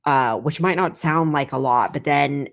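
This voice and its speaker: A woman's voice: deep voice, normal speed, vocal fry. A woman in her thirties, a guest comedian, chatting casually and rambling with lots of "like.". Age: 30s. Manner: rambling, heavy filler "like". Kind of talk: casual chat.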